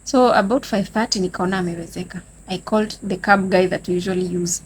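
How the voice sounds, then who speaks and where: Animated Kenyan woman telling a story. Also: fairly low pitch, quick pace, a little hiss or hum. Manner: animated, dramatic storytelling addressing viewers as guys. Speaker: vlogger. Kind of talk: storytime vlog, mixing Swahili and English.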